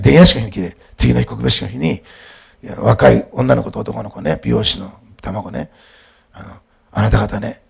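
A male pastor preaching a sermon, moving between quiet storytelling and loud, emphatic declarations. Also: medium pitch, vocal fry, husky.

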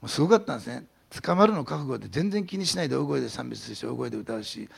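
A man's voice: medium pitch, gravelly, breathy edge. A male pastor preaching a sermon, telling stories animatedly and acting out what people say. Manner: animated storytelling, acting out quotes.

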